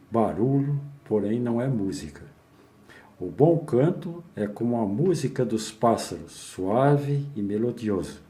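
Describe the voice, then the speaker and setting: A man reading a passage aloud in church in a steady, measured way. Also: mid-range voice.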